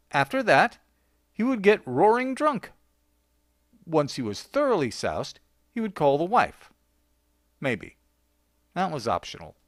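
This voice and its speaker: A man reading a short story aloud with a wry, deadpan delivery. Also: a little high, dry recording, clean studio sound. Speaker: narrator.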